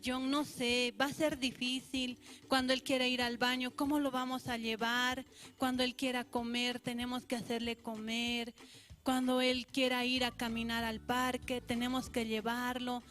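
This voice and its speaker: A woman's voice: sits high, fairly bright tone. A woman with a Bolivian Spanish accent voicing an anxious, doting mother who sighs "ay" and frets aloud. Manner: fretful, sighing "ay".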